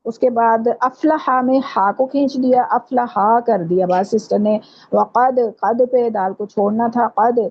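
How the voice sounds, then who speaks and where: A woman teaching Quran recitation in an online class, explaining patiently and repeating sounds slowly to demonstrate. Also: a little high. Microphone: video call. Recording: dull lo-fi call audio.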